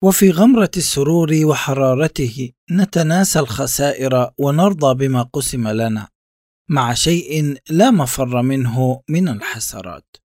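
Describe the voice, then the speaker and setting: A man reading a reflective first-person literary text in a measured, contemplative way. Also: medium pitch, a little mellow, no room sound, studio quality. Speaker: narrator.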